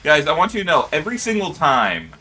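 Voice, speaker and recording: A man streaming a game and chatting casually with his viewers. He talks in an animated way into a desk mic, laughs often and breaks into high yelps. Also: fast, a little hiss or hum. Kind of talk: casual gaming livestream chat. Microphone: desk microphone.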